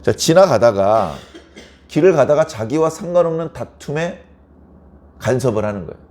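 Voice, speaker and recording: Animated, mellow-voiced male pastor preaching. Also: medium pitch, moderate pace. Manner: conversational, asks the congregation rhetorical questions; acts out everyday quarrels in lively voices. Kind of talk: early-morning sermon.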